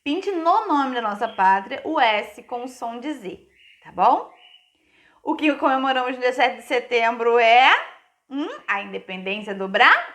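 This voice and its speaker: A Brazilian woman teaching young children in a remote class, encouraging and sing-song, checking in with quick tag questions. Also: a little high, lively intonation, fairly bright tone. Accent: Brazilian Portuguese. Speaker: primary school teacher.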